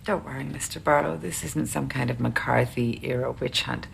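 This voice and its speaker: A woman playing a psychiatrist in a comedy series, blunt and clinical, with a deadpan delivery. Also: extremely low pitch, normal speed, gravelly, slight background noise, exaggerated voice. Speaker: psychiatrist giving an evaluation. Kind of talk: sitcom acting.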